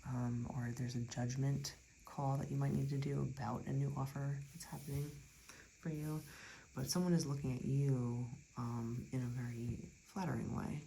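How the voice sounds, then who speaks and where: A tarot reader talking through a card spread in a chatty, reassuring way, often dropping into soft near-whispers. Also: mid-range voice, level tone, normal speed, gravelly, slight background noise, poor audio. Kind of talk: casual tarot reading.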